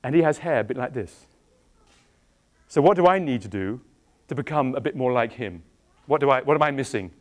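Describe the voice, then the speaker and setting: A man's voice: mid-range voice, fairly quick, long pauses. A middle-aged English man, an actor, leading an interactive show for children and asking them questions while wearing a clip-on mic. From England. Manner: animated, questioning, playful with the audience. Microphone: clip-on microphone.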